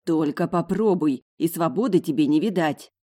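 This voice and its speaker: A woman's voice: low-pitched, normal speed, dark tone. A woman reading an audiobook, voicing its determined young heroine in her own voice, firm and direct. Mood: threatening. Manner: firm, pleading at times. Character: determined young heroine, first-person narrator. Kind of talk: audiobook character voice.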